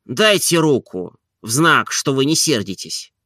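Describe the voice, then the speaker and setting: Oblomov, a timid pleading gentleman read by a man. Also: mid-range voice, sing-song, no room sound, clean studio sound. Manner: slow, soft and pleading. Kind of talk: audiobook character reading.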